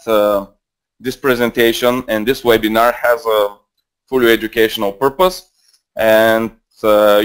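Recorded with poor audio, a fairly low-pitched Bulgarian man in his twenties, with a Bulgarian accent, mentors viewers in a live trading webinar. He speaks into a headset mic, casual and digressive, stumbling through fillers and restarts.

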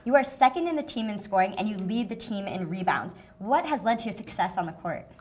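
A young woman with a medium-pitched, slightly dark voice hosts a student sports show from the desk of a small indoor TV studio. Wearing a lapel mic, she reads her scripted lines briskly and upbeat, with lively intonation.

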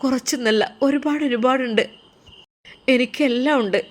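A woman voicing a loving young daughter-in-law, speaking softly and earnestly in a raised voice. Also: sits high, normal speed, pitched above the performer's own voice. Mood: earnest, tearful.

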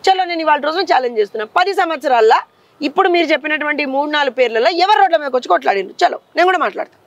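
A woman's voice: high-pitched, expressive, no room sound, highs cut off. A woman party leader with a Telangana accent, speaking in a combative interview and firing off rhetorical questions. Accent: Telangana Telugu. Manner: fiery, rapid rhetorical questions.

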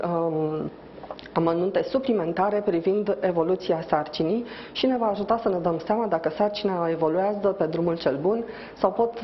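A middle-aged female obstetrician with a fairly low voice explains things calmly as a TV interview guest, her measured speech sprinkled with hesitant fillers. She's miked with a lapel mic in a hospital lobby, and the broadcast audio sounds dull and a bit noisy.

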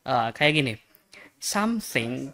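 A man's voice: mid-range voice, sing-song, slow, bright, forceful tone. A man, a guest English teacher chatting casually on a podcast, laughing often and demonstrating pronunciations.

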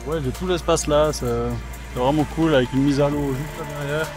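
Outdoors by a river, a man with a fairly high pitch films a casual vlog of his solo kayak trip at normal speed, with music in the background. His narration to camera is relaxed and chatty, thought out aloud, peppered with fillers and occasional casual swearing.

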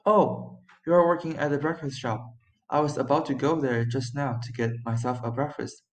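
A man's voice: medium pitch, fairly even intonation, normal speed, a little mellow, close to an everyday voice. A teenage boy voicing a friendly young policewoman in a read-aloud story, speaking in a raised, eager way. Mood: cheerful.

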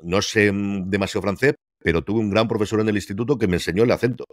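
This Spanish co-host of an informal TV series review talks fast in a lowish, steady voice. Calling in from home over video with a headset and desk mic, he presses his points emphatically and fires off rhetorical questions, and the audio is echo-free and studio-clean.

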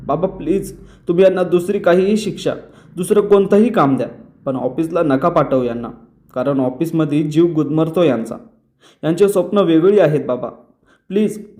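A man's voice: fairly high pitch, normal speed, darkish tone, voice pushed up, natural voice. A man reading the lines of a young wife who protests and pleads with her father-in-law. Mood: pleading.

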